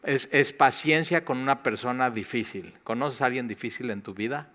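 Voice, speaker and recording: A male pastor with a Mexican Spanish accent delivering a sermon. His voice is bright and clear, and he keeps the tone conversational and lively, acting out little quoted asides as he talks. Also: medium pitch, normal speed.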